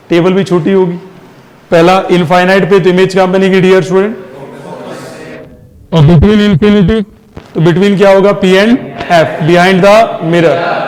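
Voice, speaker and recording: High-voiced man teaching in an echoing hall. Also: darkish tone. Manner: call-and-response questioning, drills answers with repeated questions; mixes Hindi with English terms. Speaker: science teacher. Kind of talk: classroom physics lesson. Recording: long reverb in a hall.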